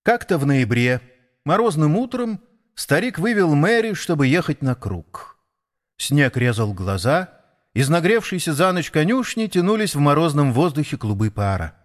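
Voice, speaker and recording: A man narrating a children's story in an expressive, unhurried reading. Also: a little high.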